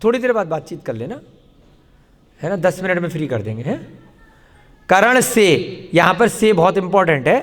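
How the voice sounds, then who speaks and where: A man's voice: sits high, sing-song, normal speed, pauses often. A man teaching a classroom lesson, quizzing his students with repeated questions and answering them himself. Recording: long hall reverb.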